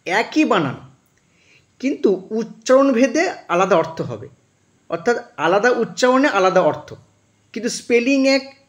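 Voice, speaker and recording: A man teaching a class, explaining word meanings patiently, spelling words out letter by letter with frequent thinking pauses. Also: fairly high pitch, creaky. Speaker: English teacher.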